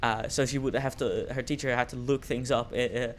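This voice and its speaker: A man's voice: mid-range voice, steady tone, fairly quick, a little hiss or hum. A teenage man from the Netherlands with a Dutch accent, chatting casually in English with many hesitations and restarts. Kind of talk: casual chat.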